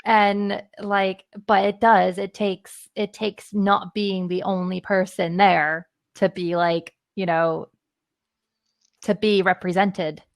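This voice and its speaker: A woman's voice: mid-range voice, flat delivery, takes it slowly, vocal fry. A woman podcast host speaking in a thoughtful, agreeing way, with sighs between points. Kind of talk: conversational interview.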